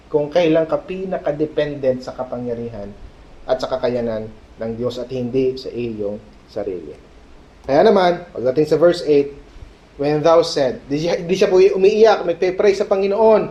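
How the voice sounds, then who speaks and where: A male pastor preaching a sermon at a prayer meeting, animated, mixing Tagalog and English and checking in with "Okay?". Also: a little high, normal speed. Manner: mixes Tagalog and English mid-sentence. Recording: dull lo-fi sermon recording.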